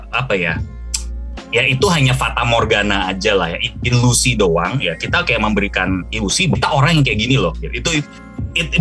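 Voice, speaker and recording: A man's voice: mid-range voice, bright, forceful tone. A young man, a guest speaker, giving advice in a casual podcast chat and often acting out quoted thoughts.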